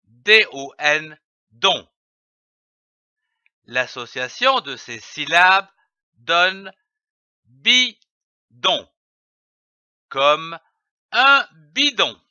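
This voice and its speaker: Slowly and carefully, a man teaches beginning reading to little kids, breaking words into single letters and syllables. He has a lively, bright, rather high voice. The audio sounds clean and dry, a touch dull, with no room sound at all.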